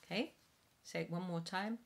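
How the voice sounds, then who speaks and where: A middle-aged woman, a singing teacher, slowly explaining pronunciation while reading from sheets in a small room at home. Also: on the low side, vocal fry. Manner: slow careful enunciation with spoken explanations. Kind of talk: pronunciation lesson read from sheets.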